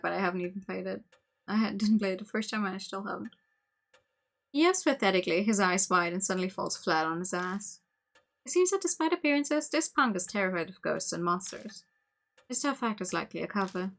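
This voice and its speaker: A playful, expressive woman game streamer reading a visual novel aloud, with casual asides to chat. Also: medium pitch, fairly quick, vocal fry.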